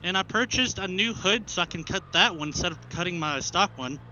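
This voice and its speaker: The young American man, a novice motovlogger from Arkansas, rambles casually mid-ride in a high, pushed, bright voice at a fairly quick clip. His helmet mic, wired to an action camera, sounds muffled and picks up the engine and road.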